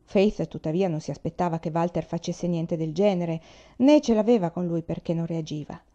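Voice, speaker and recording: A woman reading a children's novel aloud in a calm, measured narration. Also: fairly low pitch, dull audio. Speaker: reader. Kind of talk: audiobook narration.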